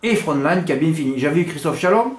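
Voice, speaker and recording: A lively man in a loose monologue about his racing bets, his somewhat high voice jumping between loud bursts and low mutters as he cracks bawdy jokes. The room adds a clear echo around him. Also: fast talker. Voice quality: has a noticeable accent others laugh at. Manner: animated, crude joking, big swings in pitch and loudness. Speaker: horse racing tipster. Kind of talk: casual monologue to camera.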